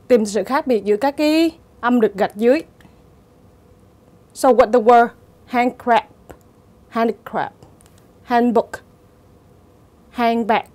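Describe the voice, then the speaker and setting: A woman's voice: on the high side, darkish tone. A woman teacher going through English exam answers step by step, in a methodical way. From Vietnam. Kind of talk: exam answer walkthrough lesson.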